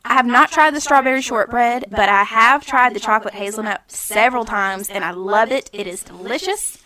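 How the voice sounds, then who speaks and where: A woman podcast host giving an upbeat shoutout to a local business. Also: on the high side, moderate pace, poor audio. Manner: upbeat and promotional. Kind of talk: reading a sponsor shoutout, then casual chat.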